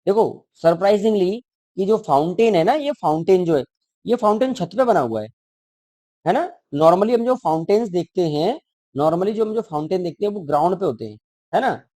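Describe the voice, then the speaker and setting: A man's voice: sits high, animated, moderate pace, mellow, no room sound. A male teacher explaining a school textbook to children, repeating key words and asking the class questions.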